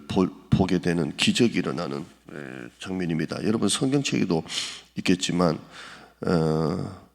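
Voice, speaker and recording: A man preaching a dawn prayer sermon as pastor, retelling scripture with acted voices and rising to loud pleading. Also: low voice, vocal fry. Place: church sanctuary. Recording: echoey church hall.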